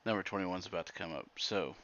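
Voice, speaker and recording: A man's voice: deep voice, quick pace, fairly bright tone, highs cut off, slight background noise. A man hosting a casual livestream, laid-back and dry as he announces picks. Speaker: host.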